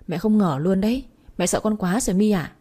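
A woman's voice: mid-range voice, brisk, dark tone, breathy edge, close to an everyday voice. A woman voicing a scheming, two-faced young stepmother who talks scornfully or falsely sweet, in a Vietnamese audio story. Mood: fake-sweet.

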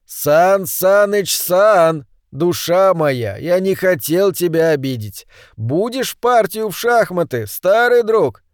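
A man doing a whiny, squeaky fat man. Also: animated, slow pace, clear, resonant tone, no echo, clean studio sound. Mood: chattering. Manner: whiny, high-pitched, babbling. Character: fat jolly middle-aged man, childish and pleading.

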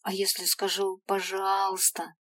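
A woman's voice: mid-range voice, completely flat delivery, unhurried, a bit bright, no echo. A woman voicing a stubborn, hot-tempered young female thief who protests insistently, in a storybook reading. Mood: pleading.

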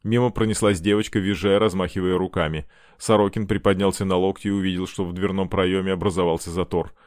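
A man narrates an audiobook in a measured, dramatic manner. His voice is low and the sound is close and dry, with no room around it. The reading is steady scripted narration. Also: no echo.

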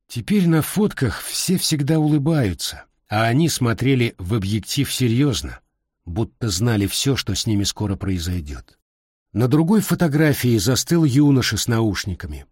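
Middle-aged male narrator, husky timbre, dry close mic, calm reflective memoir reading. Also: lowish voice, no room sound. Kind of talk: reading a personal memoir aloud.

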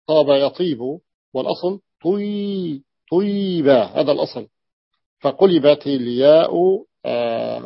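Dry-sounding sheikh teaching morphology. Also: male voice, on the high side, gravelly, no room sound, muffled recording. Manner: repeats phrases, stretches words, often confirms with a short "yes". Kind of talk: classroom lecture explaining a text.

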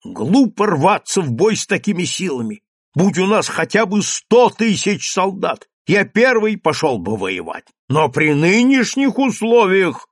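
A man voicing a quick-tempered, pompous male burgomaster in an audiobook, blustering and shouting. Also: sits high, sing-song, no room sound, studio quality, voice pushed up, exaggerated voice. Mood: indignant. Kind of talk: audiobook character reading.

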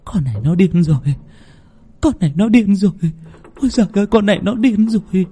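A man's voice: high-pitched, lively intonation, a little fast, dark tone, husky, voice pushed up. A man playing a stern, scolding old grandmother. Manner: scolding, exasperated. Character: stern elderly grandmother, sharp-tongued.

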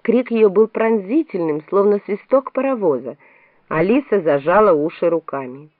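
A woman narrating a storybook in a steady, measured way. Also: medium pitch, no room sound. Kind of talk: storybook reading. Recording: tinny, phone-like, dry.

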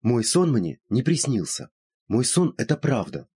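A man's voice: medium pitch, sing-song, moderate pace, dark tone, slightly rough, voice pushed up. A man voicing an anxious widowed woman. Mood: insistent.

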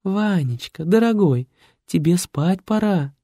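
A man's voice: sits high, animated, slow pace, warm tone, dry recording, clean studio sound, voice pushed up, exaggerated voice. A man doing a cooing soprano mattress girl. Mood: lullaby. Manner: sing-song, tender, crooning.

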